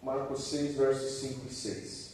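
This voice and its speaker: A man's voice: unhurried, slight background noise. A man preaching at a church service, reading scripture aloud and explaining it, acting out the quoted speech. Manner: animated, acts out quoted speech with sudden pitch jumps. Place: church hall. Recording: very echoey church hall, voice far from the mic.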